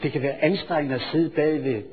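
A male preacher telling a sermon story, swinging from hushed asides to loud, excited storytelling. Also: a little high, slightly rough. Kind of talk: sermon with anecdote. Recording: reverberant hall, dull lo-fi sound.

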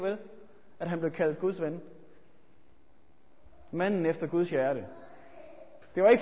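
A man preaching a sermon, swinging between loud urgent appeals and quiet reflective asides. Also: sits high. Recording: dull sound with long church reverb.

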